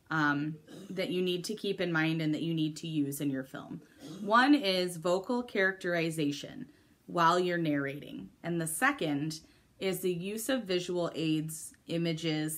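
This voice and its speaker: In a recorded video lesson for middle schoolers, a female teacher walks through the material step by step, upbeat and encouraging. Her voice is on the low side.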